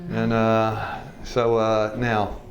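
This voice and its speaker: Speaking very slowly in a low, monotone voice, a health evangelism teacher in his sixties gives a personal testimony of his life to a class, full of folksy jokes and frequent laughter. The classroom, with a live audience, sounds roomy.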